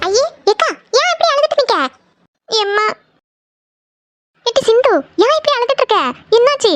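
A woman's voice: very high voice, fast talker, no echo, soft background music. A woman voicing a caring young aunt in a cartoon, with a concerned, questioning manner.

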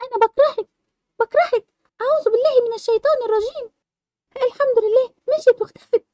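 A woman's voice: very high-pitched, fast talker, warm tone, no room sound. A woman voicing a frightened young girl who is haunted by a ghost and talks in an anxious, pleading way.

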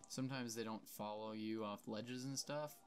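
A man's voice: on the low side, fairly even intonation, moderate pace, faint music behind. Casual young man reading game text. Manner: reads characters in his normal voice, offhand and self-deprecating. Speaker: let's play host. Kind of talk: casual gameplay commentary, reading game dialogue aloud.

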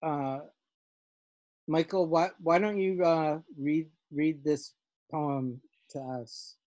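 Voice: mid-range voice, fairly even intonation, takes it slowly, a little mellow, no echo, rough recording. A class leader on a video call, asking questions in a hesitant way with many fillers and repeated words. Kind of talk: leading a class discussion.

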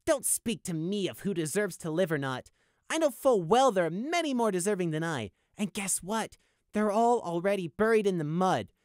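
A man voicing a bitter, bloodthirsty young male sheep in an audiobook, talking with shrill, spitting contempt. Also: little pitch movement, slow pace, few pauses, sharp tone, no echo, studio quality, full character voice. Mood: cold scorn.

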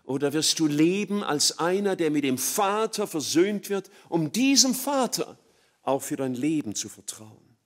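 A middle-aged man delivers an evangelistic sermon in a fairly high voice. He rises to loud, emphatic peaks and then drops to hushed, low passages. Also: big pitch swings, measured pace. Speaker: preacher.

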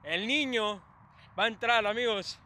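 Excitable young man, very high bright voice. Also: a little slow, slight background noise. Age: young adult. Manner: excitable, swings from calm play-by-play to shouting bursts. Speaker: vlogger reacting to a match. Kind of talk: live sports reaction commentary. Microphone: handheld camera.

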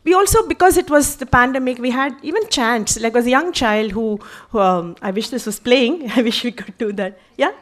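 A middle-aged woman, presenting her book at a literature festival in an animated, chatty way, with frequent little laughs and self-corrections. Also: on the high side, normal speed, hardly any pauses. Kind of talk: conversational talk at a literary festival.

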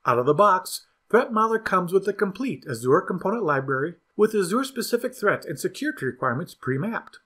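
A husky-edged male voice, pitched a little high, guides listeners through a scripted product tutorial for software. The narrator's pacing is measured and instructive, with animated pitch that makes each step distinct.

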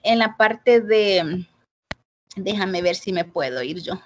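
The recording is muffled, carrying a woman's medium-pitched voice at a slow pace. She's on a video call teaching an informal online English class about grading, chatty and filler-heavy as she checks in with students, heard through a computer mic.

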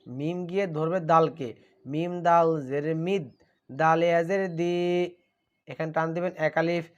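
A man teaching Quran recitation, who draws out each verse slowly and then explains the pronunciation in quicker asides, often calling listeners brother. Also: fairly high pitch, fairly even intonation, highs cut off. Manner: slow drawn-out recitation between brisk explanations; addresses listeners as brother, repeats to drill. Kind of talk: spelling out and reciting verses for learners.

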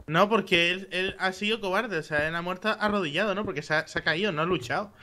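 A man's voice: high voice, fast, bright, forceful tone, a little hiss or hum. A man, a guest player chatting casually and playfully over voice chat while gaming.

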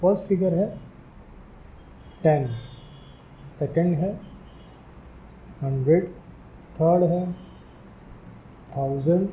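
A man's voice: fairly high pitch, extremely slow, pauses often, narrow, tinny audio, slight background noise. A man teaching a spoken English lesson, spelling words out letter by letter in a careful, explaining manner.

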